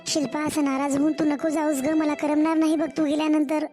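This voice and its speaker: A woman's voice: high-pitched, flat delivery, brisk, warm tone, faint music behind, close to an everyday voice. A woman voicing an older village mother, doting and worried, coaxing her daughter in a cartoon story. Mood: fussing. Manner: fussing, coaxing.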